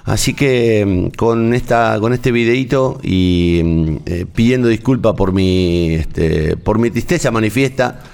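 A man's voice: lowish voice, measured pace, vocal fry, hardly any pauses, darkish tone, clean tone. A man with an Argentine Spanish accent, talking in a casual, rambling, emotional way as a host, with many restarts. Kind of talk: casual on-air chat.

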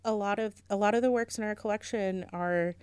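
A woman's voice: medium pitch, fairly even intonation, fairly quick, a little mellow, clean tone, dry recording. A woman museum curator answering interview questions, thoughtful and hesitant, with many fillers and restarts. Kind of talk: interview conversation.

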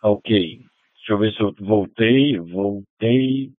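A man runs and closes an amateur radio net over a digital ham radio link, steadily reading out call signs in the phonetic alphabet and repeatedly asking "tá bom?". His voice is on the low side and he takes it slowly. The audio is thin, dry, phone-quality digital radio with no room sound.

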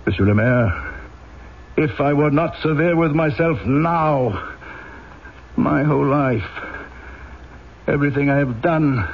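Casting: unbending French police inspector, radio drama, measured and formal, self-condemning; muffled, noisy vintage sound. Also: male voice, medium pitch, gravelly. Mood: stern self-reproach. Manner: formal, emphatic, deliberate, self-accusing. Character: stern, rigidly honourable French police inspector confessing a fault. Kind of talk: old-time radio drama acting.

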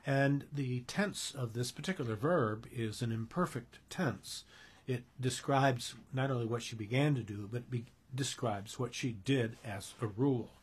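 A man's voice: mid-range voice, a little slow, slightly rough. A man preaching a sermon, explaining a Bible passage and often restating his words to clarify them. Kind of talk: sermon, expository Bible teaching.

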